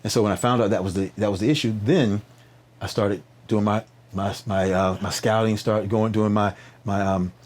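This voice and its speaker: A nonprofit founder's voice, on the low side and a little mellow, moves at a moderate pace with fairly even intonation. He's a podcast guest whose interview consists of animated conversational storytelling, full of preacher-like emphatic repetition, rhetorical questions, and regular check-in tags.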